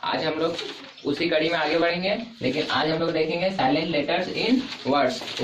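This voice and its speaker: Male teacher questioning a class. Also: fairly high pitch. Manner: repeats points and keeps asking the class questions. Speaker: English teacher. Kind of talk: classroom lesson. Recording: echoey classroom from far off, noisy.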